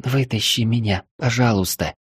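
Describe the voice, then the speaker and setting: A man's voice: medium pitch, moderate pace, husky, no room sound. A male reader voicing a frightened young woman from the capital, anxious and pleading. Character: frightened young Moscow woman on a river trip.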